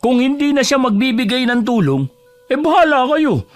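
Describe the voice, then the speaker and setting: A man's voice: very high-pitched, sing-song, moderate pace, faint music behind. An actor playing a defensive young father arguing with his sister-in-law and mother in a horror audio drama. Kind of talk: Filipino radio-style horror drama acting.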